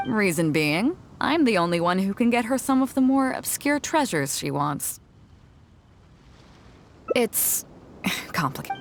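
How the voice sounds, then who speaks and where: A woman's voice: mid-range voice, a little hiss or hum, close to an everyday voice. A woman playing a confident, easygoing fleet captain in a video game, with a self-assured, wry, playful manner. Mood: wry, explaining.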